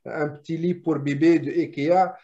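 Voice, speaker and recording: On a casual video call, a draftsman guest, a man whose native language is Arabic, explains his work in a slightly high but dark voice, speaking at normal speed in a steady tone. He makes many restarts and repeats words, and the audio is muffled and lo-fi.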